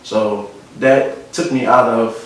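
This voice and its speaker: A man's voice: medium pitch, steady tone, takes it slowly, fairly bright tone, a little hiss or hum. A young man from Philadelphia with a Philadelphia accent, talking reflectively about his life in a casual interview, often repeating phrases. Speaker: interviewee, photographer. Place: studio room. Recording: echoey room, mic at a distance.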